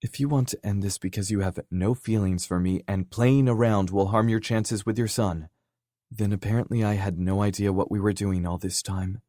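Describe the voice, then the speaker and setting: A man's voice: fairly low pitch, steady tone, normal speed, dark tone, dry recording, lightly acted. A heartbroken young woman confesses her love, her voice lifted and pleading, as a man reads her part. The audiobook sound is close and dry, with no room around it. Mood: hurt, pleading.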